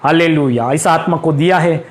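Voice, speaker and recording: A man's voice: fairly high pitch, normal speed. A male pastor preaching a fervent sermon in a church, breaking in with hallelujah again and again. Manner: fervent, repeats hallelujah constantly.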